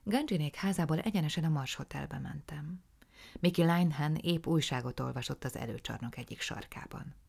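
Mély, recsegő hangú női felolvasó. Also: female voice, sits low, vocal fry, a little mellow, slightly rough. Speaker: audiobook narrator. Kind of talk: scripted narration of a crime story.

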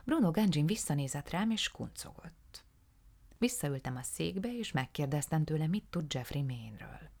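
Low, hushed female audiobook narrator. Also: sing-song, hardly any pauses. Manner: hushed, often half-whispered delivery. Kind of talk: first-person noir novel narration.

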